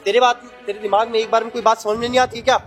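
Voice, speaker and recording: A man's voice: very high-pitched, little pitch movement, very fast, fairly bright tone, soft background music. A man playing an arrogant rich young man who insults an old friend with contempt in an amateur skit. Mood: contemptuous.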